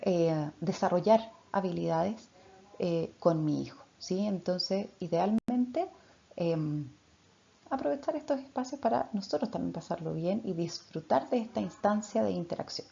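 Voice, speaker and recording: Woman therapist, warm gravelly tone, explains patiently, slightly dull recording with faint noise. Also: lowish voice, expressive, a little slow. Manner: explanatory, checks in often with tag questions. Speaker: speech therapist. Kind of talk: talk giving parenting advice.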